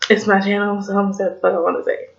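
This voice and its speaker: A woman's voice: medium pitch, level tone, rapid-fire, vocal fry, dull audio. A young woman in her twenties with a Southern US accent, rambling tipsily and swearing through a casual TV review vlog. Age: 20s. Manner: rambling, swearing, many "like" fillers. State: tipsy, slightly slurring. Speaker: TV review vlogger. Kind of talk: casual chat.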